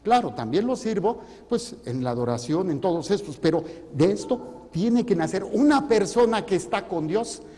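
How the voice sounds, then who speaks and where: A priest preaching a sermon, firing questions at his congregation and swinging between loud stresses and quiet asides. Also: high voice, lively intonation, normal speed, hardly any pauses. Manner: questions the congregation directly, calls on listeners. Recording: long hall reverb.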